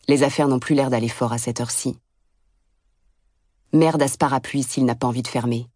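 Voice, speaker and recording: A woman's voice: very deep voice, darkish tone, no echo. Woman narrating bluntly in a dry studio. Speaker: audiobook narrator. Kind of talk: scripted first-person audiobook narration.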